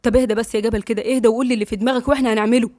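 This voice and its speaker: A woman with an Egyptian accent voicing a calm, loyal young man who soothes his friend briskly. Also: on the high side, dry recording, clean studio sound, lightly acted. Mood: concerned.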